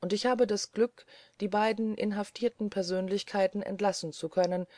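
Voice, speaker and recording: A reader doing a stern measured judge. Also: medium pitch, steady tone, a little mellow, dry recording, lightly acted.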